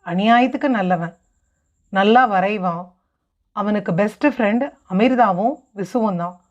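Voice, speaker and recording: A woman voicing a caring young sister-in-law who teases gently and confides a family story, on a dull lo-fi recording. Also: medium pitch, natural voice.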